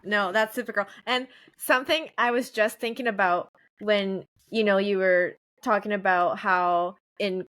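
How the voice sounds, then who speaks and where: Bright-voiced woman hosting an interview. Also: mid-range voice, fairly even intonation. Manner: encouraging, quick to laugh along. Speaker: interview host. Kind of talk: casual interview chat.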